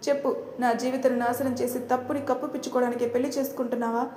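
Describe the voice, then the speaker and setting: A woman reading a storybook voicing a betrayed young bride, fierce and tearful, hurling loud accusations. The voice sits fairly high for a woman. The room rings with a roomy echo. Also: little pitch movement, fast, a little hiss or hum, natural voice. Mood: furious.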